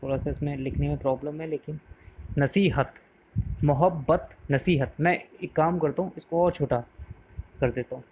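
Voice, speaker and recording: A man's voice: fairly high pitch, steady tone, normal speed, a little hiss or hum. Man teaching poetry on a tinny line. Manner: patient, repeats key words, asks the viewer questions; mixes English words into explanations. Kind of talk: explanatory lesson. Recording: narrow phone-like sound.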